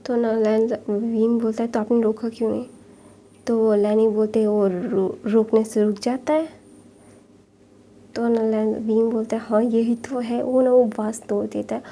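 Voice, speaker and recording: A woman's voice: a little high, flat delivery, measured pace, dark tone. A woman casually retelling a fan-fiction story, narrating the dialogue with frequent fillers and restarts and the odd whispered line.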